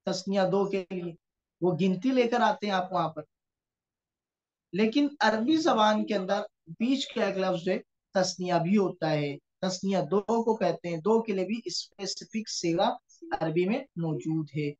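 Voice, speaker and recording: A man teaching Quranic Arabic grammar in an online class speaks at a measured pace in a high, slightly mellow voice. He patiently explains and often checks on his students, captured by a computer mic on a video call in dull lo-fi sound.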